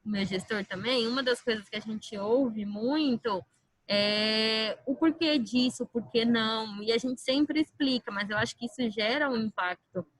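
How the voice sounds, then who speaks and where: A woman's voice: a little high, normal speed, rough recording. A Brazilian woman giving explanatory remarks as a participant in an online work discussion. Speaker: company employee, roundtable participant.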